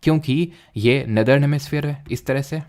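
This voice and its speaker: Young man, geography teacher, mid pitch, repeats key terms, quick questions to students. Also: darkish tone. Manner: drills terms by repetition, asks quick questions. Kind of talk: online geography lecture.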